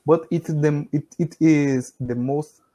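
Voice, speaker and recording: A Brazilian man in his thirties practices English casually over a video call, his Brazilian Portuguese accent clear as he laughs often and keeps saying "you know." His voice sits on the high side, steady and dark, and he takes his time. He's indoors in a small room at home.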